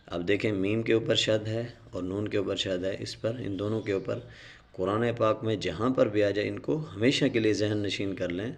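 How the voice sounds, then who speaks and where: Male Quran tutor, lowish voice, brisk explanations and slow, stretched syllable drills. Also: fairly even intonation, vocal fry. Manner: explains rules quickly, then recites syllables slowly and drawn out. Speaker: Quran recitation teacher. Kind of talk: Noorani Qaida reading lesson.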